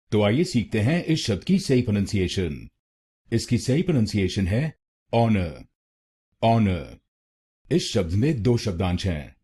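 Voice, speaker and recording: A man with an Indian accent narrating a pronunciation tutorial, repeating each syllable slowly and deliberately. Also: on the low side, a little mellow, husky. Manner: slow, deliberate repetition of syllables. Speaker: pronunciation teacher.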